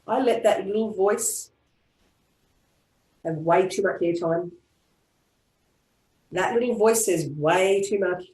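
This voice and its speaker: A woman with an Australian accent leading a live online group tapping class, speaking in calm, repeated affirmation-style phrases. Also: mid-range voice, slow pace, pauses often. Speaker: EFT tapping practitioner. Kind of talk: guided group tapping session. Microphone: online video call. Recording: roomy echo.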